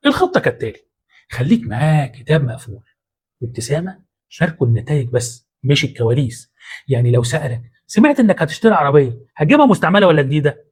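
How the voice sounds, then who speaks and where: A man's voice: on the high side, big pitch swings, very fast, a little mellow, husky. A man with an Egyptian Arabic accent hosting a motivational psychology talk in a colloquial, punchy way with street-slang asides. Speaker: host.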